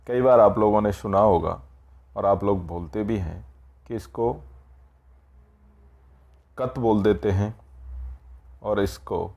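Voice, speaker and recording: Guy teaching grammar, slow and patient, kinda gravelly voice, keeps checking the class is with him. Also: fairly low pitch, a little mellow. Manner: patient, explains step by step with frequent "ठीक है" checks. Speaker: Sanskrit teacher.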